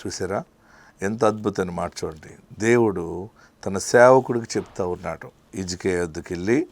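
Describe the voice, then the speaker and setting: A male pastor delivering an emphatic sermon, dropping to a hush and then rising to loud declarations. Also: deep voice, normal speed. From India. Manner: emphatic preaching, swinging between hushed and loud.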